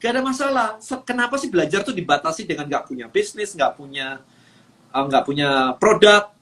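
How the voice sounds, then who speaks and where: A man's voice: on the high side, expressive, a little fast, a bit bright. A man coaching on a live stream, talking energetically and mixing English phrases into his speech with frequent fillers. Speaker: business coach.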